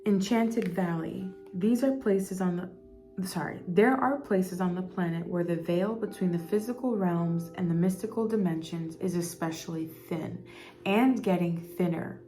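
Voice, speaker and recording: A woman's voice: fairly low pitch, measured pace, dark tone, faint music behind. A woman giving a casual spiritual card reading, meandering and repeating words as she goes. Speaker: intuitive card reader.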